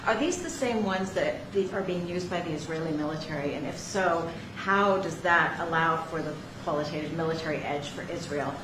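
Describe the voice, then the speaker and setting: A woman's voice: low voice, normal speed, few pauses. A woman reporter asking pointed, probing questions at a press event. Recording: echoey room with crowd, noisy.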